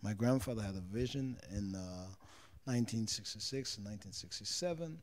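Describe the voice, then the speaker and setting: A low-pitched man in his thirties, born and raised in Israel, talks earnestly about his life as a street singer. He gropes for words and circles back over phrases. He speaks into a handheld mic held close in a small living room. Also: lively intonation, a little fast. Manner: earnest, searching for words, repeats himself. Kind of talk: interview answers. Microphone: handheld interviewer mic.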